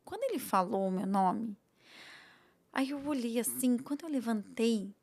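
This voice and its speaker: A woman with a Brazilian Portuguese accent and a notably high voice, speaking as a podcast guest. She tells her story with animated feeling and voices her own thoughts as she goes. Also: normal speed, vocal fry.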